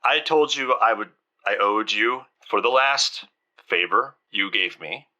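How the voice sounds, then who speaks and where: A man voicing an angry woman who hisses and swears in a low, hurried voice. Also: lively intonation, sharp tone, slightly rough, muffled recording, exaggerated voice. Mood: resigned. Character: hushed, furious woman caught at work.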